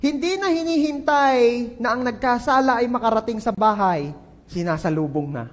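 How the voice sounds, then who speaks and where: A high-pitched man preaching from the pulpit. His delivery is animated and theatrical, acting out the people he describes. The sound carries a long hall echo. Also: moderate pace. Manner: animated preaching, acts out quoted people, mixes English into Tagalog. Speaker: pastor. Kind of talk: sermon. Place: church.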